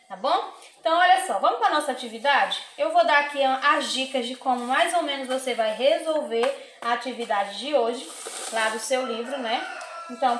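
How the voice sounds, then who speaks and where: A high-pitched woman teacher talks patiently to young children in a sing-song way, stretching out her example words. Her voice echoes around a bare room, with a faint hum of ambient noise underneath. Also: fairly bright tone. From Brazil. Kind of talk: recorded remote lesson for young children.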